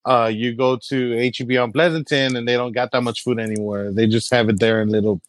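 A young man chats casually, piling up fillers and slipping into quick mimicry of people he knows. His voice sits in a middle pitch. The sound is close and dry. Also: no echo. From San Antonio, Texas. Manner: animated storyteller, many fillers, quick high-pitched mimicry of others. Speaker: guest, comedy creator. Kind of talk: casual chat.

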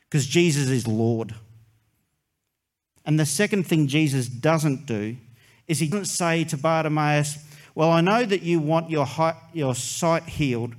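Earnest pastor preaching. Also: male voice, on the high side. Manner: earnest, with long pauses and soft dramatic drops. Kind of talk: sermon.

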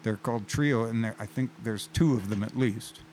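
A man's voice: on the low side, moderate pace, a little mellow, slight background noise, low-quality recording. Older man telling rambling stories. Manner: rambling anecdotes with frequent restarts. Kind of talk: casual chat.

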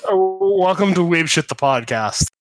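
A man's voice: sits high, expressive, a little slow. A man in his thirties co-hosting a podcast, chipping in with casual banter. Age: 30s. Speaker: podcast co-host.

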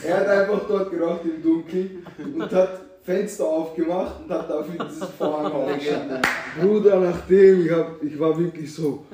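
A young man telling a scary story to friends in a casual, slangy, animated way. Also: on the high side, normal speed, reverberant, distant mic, a crowd in the background.

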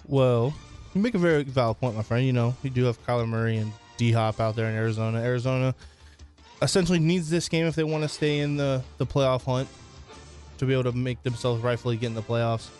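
A man co-hosts a casual sports podcast and argues his picks emphatically, filling his talk with "like." His pitch sits in the middle range. Faint music plays behind him. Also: a little fast, darkish tone. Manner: emphatic, says "like" a lot. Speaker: podcast co-host.

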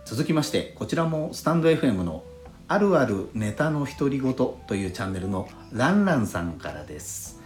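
The podcast host is a man with a medium pitch and a very animated delivery at moderate speed, reading out listener letters with courteous, formal politeness. Faint, soft lo-fi flute jazz accompanies a roomy, echoey recording.

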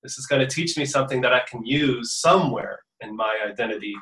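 Earnest man with a bright, roomy voice. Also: mid-range voice, fast, far from the mic. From born in the US, raised in Portugal from fifteen. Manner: earnest, thinks aloud with restarts. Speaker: musician guest. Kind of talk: reflective interview answers. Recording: roomy echo.

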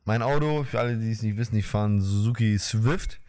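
A man's voice: on the low side, a little fast, a little mellow. A young man in a casual podcast chat, telling a story in slang and laughing often. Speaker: podcast co-host.

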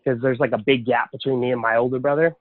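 A podcast guest from Hawaii tells his life story candidly and plainly, in the casual storytelling style of an interview. His mid-range voice holds a steady tone, and he talks fast. The line sounds tinny, dry and phone-like, with no echo.

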